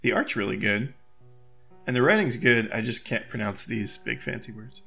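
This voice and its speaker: A man's voice: mid-range voice, moderate pace, creaky, sharp tone, soft background music. A man casually commenting while playing a visual novel game, with offhand, apologetic asides. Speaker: game streamer. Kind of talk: casual let's-play commentary.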